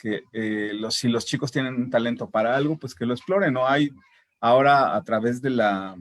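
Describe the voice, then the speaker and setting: A man's voice: mid-range voice, normal speed, no echo. A man speaking as a parent on a casual discussion panel, talking hesitantly with many fillers and tag questions as he works through numbered points. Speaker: parent guest.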